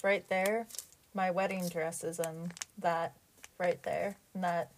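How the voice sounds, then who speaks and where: A woman's voice: on the low side, fairly even intonation, takes it slowly. A young woman in casual vlog chat, talking in a chatty, rambling way while recording inside a small closet at home. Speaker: vlogger. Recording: light background noise.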